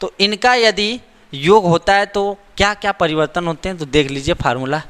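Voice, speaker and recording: A man's voice: high-pitched, moderate pace, fairly bright tone, clear, resonant tone, long reverb tail. A man teaching a grammar lesson, repeating the rules and asking rhetorical questions to check that students follow. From India.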